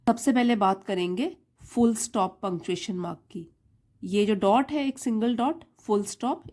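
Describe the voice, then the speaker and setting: A woman's voice: fairly high pitch, darkish tone. A woman teaching English grammar in Hindi, with an Indian English accent, explaining patiently step by step and repeating key terms.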